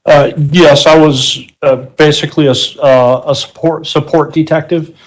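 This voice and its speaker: A man giving courtroom testimony as a police detective, polite and formal, with hesitant, halting answers. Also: fairly high pitch, fairly even intonation, rough recording.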